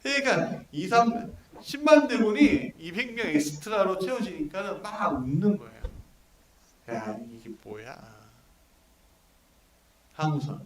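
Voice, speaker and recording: A male pastor preaching a sermon, animated and full of rhetorical questions to his congregation. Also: high-pitched, normal speed, few pauses. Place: church hall at a prayer meeting. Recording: echoey church hall, mic at a distance, congregation audible.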